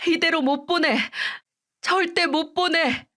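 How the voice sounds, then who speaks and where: A woman's voice: high-pitched, animated, normal speed, sharp tone, voice pushed up. A woman voicing a young widow who sobs and screams her pleas in despair. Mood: desperate.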